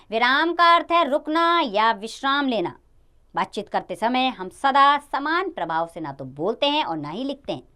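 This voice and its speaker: A woman teaching a grammar lesson to children, lively, stressing key words and dropping low at the ends of sentences. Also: clean tone.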